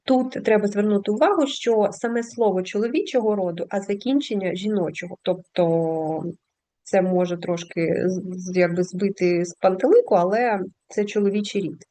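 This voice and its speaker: A woman's voice: medium pitch, moderate pace, warm tone. A woman teaching a language lesson, patiently explaining step by step and reading out word lists.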